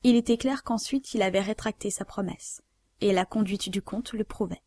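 A woman narrating a novel aloud in a measured, even way. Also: medium pitch, no room sound, clean studio sound. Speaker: audiobook narrator.

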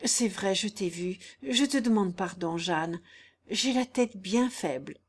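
A woman's voice: mid-range voice, lively intonation, takes it slowly, slightly rough. A woman playing a feverish, lovesick young baron. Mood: anguished. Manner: impassioned, reproachful. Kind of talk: audiobook character reading.

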